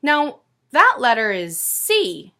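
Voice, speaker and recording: A woman teacher with a slightly high voice brings a picture book to life for young children in a sing-song, expressive reading. She breaks off at times to ask them questions.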